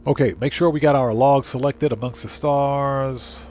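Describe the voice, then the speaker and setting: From an indoor room at home, a man hosts a casual gaming livestream, chatting informally with viewers as he plays and reading out chat messages to answer them. His mid-range voice is a little mellow, with fairly even intonation and a measured pace, over slight background noise.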